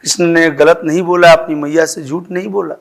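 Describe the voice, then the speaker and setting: A man's voice: on the high side, fairly even intonation, creaky. A man with an Indian accent teaching a school grammar lesson, explaining step by step and drawing out his example phrases. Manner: slow, deliberate explaining with drawn-out example phrases.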